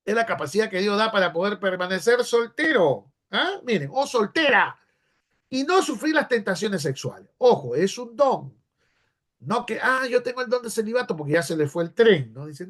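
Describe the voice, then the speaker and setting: A man from Peru with a Peruvian accent, a pastor giving a teaching class in a conversational way, often checking in with his listeners. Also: sits high. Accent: Peruvian Spanish. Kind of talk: sermon-style teaching class.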